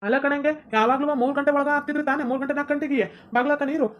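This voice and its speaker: A woman's voice: high voice, fairly even intonation, very fast, pitched below the performer's own voice, natural voice. A woman voicing a quarrelsome young husband who complains in a North Karnataka Kannada accent. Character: young husband Shankar, hotheaded son.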